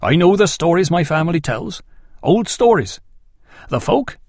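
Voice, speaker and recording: A man doing an earnest, excitable farmer. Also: a little high, moderate pace, dry recording, studio quality, pitched above the performer's own voice. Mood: awed. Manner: eager, awed, excitable. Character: earnest male farmer, a rough countryman.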